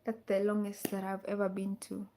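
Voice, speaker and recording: A woman's voice: mid-range voice, completely flat delivery, moderate pace, mellow, slight background noise. Woman from kenya on a live stream, chatty, keeps repeating questions to her viewers. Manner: reads viewer comments aloud, repeats questions to the audience. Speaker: livestream host. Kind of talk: casual live chat with viewers.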